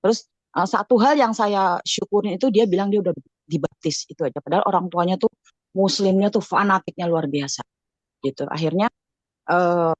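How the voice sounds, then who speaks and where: A woman's voice: fairly low pitch, fairly quick, dry recording, lo-fi sound. A middle-aged woman giving a casual spoken testimony at a prayer meeting, chatty, with many fillers and restarts. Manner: chatty, frequent fillers and self-corrections. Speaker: church member giving a testimony.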